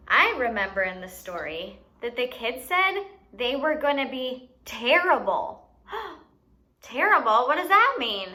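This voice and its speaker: Her voice is fairly high, bright and forceful as she teaches young children on her show. She explains ideas simply and with expression, often turning to the listener with questions.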